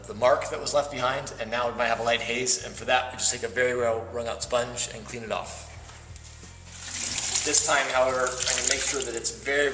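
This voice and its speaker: A man demonstrating wall repair techniques step by step, explaining in a relaxed way with frequent fillers. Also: medium pitch. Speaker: plaster instructor. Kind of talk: instructional demonstration. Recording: roomy echo, voice from a distance, faint music.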